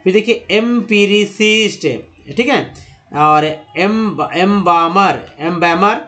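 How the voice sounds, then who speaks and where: High-voiced man sounding out English words. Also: a bit bright. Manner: sounds words out syllable by syllable, repeating each. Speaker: English teacher. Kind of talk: slow word-by-word pronunciation lesson.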